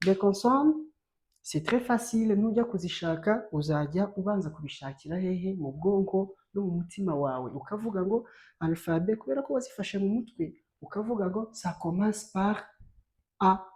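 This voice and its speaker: A woman from Rwanda teaching a bilingual French lesson, slow and emphatic, stressing each letter she spells out. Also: mid-range voice, darkish tone.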